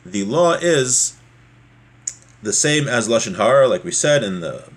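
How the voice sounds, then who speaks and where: A man with a mid-range voice gives an informal religious class, speaking a little slowly with wide swings in pitch. He explains a text in plain, conversational language and drifts into asides along the way.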